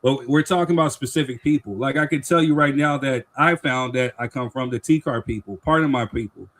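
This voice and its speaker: A man co-hosting a live stream talk show earnestly explains his view in a casual debate, often saying "you know what I'm saying". His medium-pitched voice is a bit bright and fairly quick.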